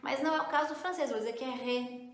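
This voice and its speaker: A woman teaching a casual spoken lesson, explaining patiently, often checking in with the listener and slowing down to model each word. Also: high voice, echoey room. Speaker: French teacher.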